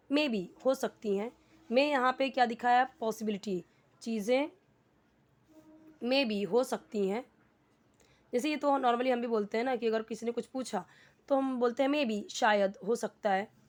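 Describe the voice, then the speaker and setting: A woman teaching English, patiently asking and answering her own questions. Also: a little high. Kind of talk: explaining a lesson.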